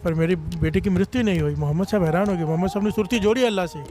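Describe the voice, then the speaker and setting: A man's voice: high-pitched, racing, dark tone, soft background music. A man preaching a devotional sermon, fervently leading the congregation in call-and-response and sometimes slipping into sung phrases.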